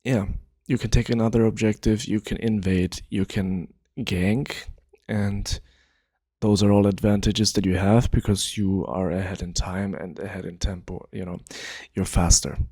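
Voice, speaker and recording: A man with a lowish voice talks through a game strategy idea in a loose, easygoing way, drifting into asides and leaning on lots of fillers. The sound is dry and close, with no room around him. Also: fairly even intonation, a little slow, dark tone, slightly rough, no echo. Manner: laid-back, rambling, many fillers. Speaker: gaming video creator. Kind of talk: casual explainer monologue.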